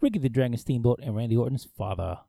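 A man's voice: medium pitch, fast, creaky, dry recording. Joking man chatting about wrestling. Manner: animated, joking, talks over his partner. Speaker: podcast co-host. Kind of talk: casual wrestling chat.

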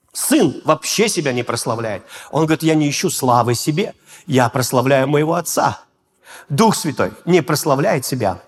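A male pastor preaching a sermon, telling stories with acted-out voices and bursts of shouting. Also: on the high side, breathy edge. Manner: animated storytelling, acts out voices and shouts.

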